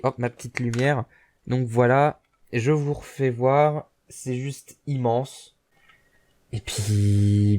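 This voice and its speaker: A man walks viewers through a piece of hardware in a loose, chatty way, full of filler words and asides. His voice sits at an ordinary middle pitch. The tone is relaxed and informal, like a hobbyist talking to his audience. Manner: rambling, chatty, with filler words and little laughs. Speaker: tech video host. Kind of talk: casual hands-on hardware walkthrough.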